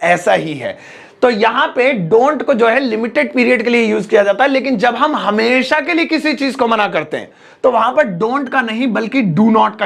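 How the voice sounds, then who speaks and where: High, gravelly-voiced male English teacher. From India. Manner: explains slowly, repeats phrases word by word, asks students questions. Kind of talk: Hindi-language English lesson.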